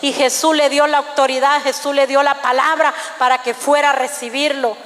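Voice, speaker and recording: A woman's voice: high voice, little pitch movement, moderate pace, a bit bright, in a large hall. A woman preaching a fervent sermon, calling out to the congregation again and again. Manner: fervent, repeatedly addressing the congregation as brothers.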